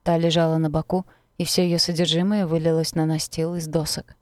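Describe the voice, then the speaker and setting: A woman narrating a novel in the first person, in a measured, intimate way. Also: sits low, level tone, dry recording, clean studio sound. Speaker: audiobook narrator.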